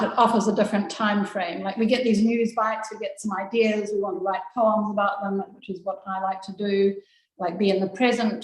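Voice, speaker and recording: A woman poet introducing herself on a panel, warm and reflective. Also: mid-range voice. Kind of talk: panel introduction and poetry recital. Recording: roomy echo.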